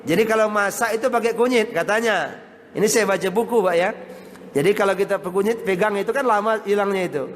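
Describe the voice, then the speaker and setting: A man's voice: high voice, a bit bright. A male Islamic preacher giving a sermon, constantly addressing his audience as sir and madam. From Indonesia. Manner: addresses the audience constantly as Pak and Bapak Ibu. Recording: hall reverb with faint noise.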